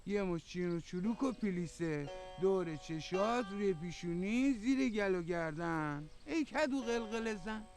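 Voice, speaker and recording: A man's voice: sits high, expressive, hardly any pauses, a little mellow, faint music behind. An actor playing a scornful uncle who mocks his niece in a film drama, speaking in a sarcastic, taunting way. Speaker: the woman's uncle.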